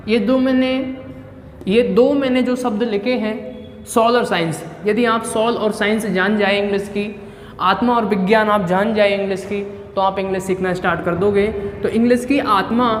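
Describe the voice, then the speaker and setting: A man's voice: sits high, fairly even intonation, normal speed. A male English teacher giving a classroom-style grammar lesson. He asks himself questions, answers them with a dropped key word, repeats himself and spells words out letter by letter. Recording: echoey room with long reverb, faint background noise.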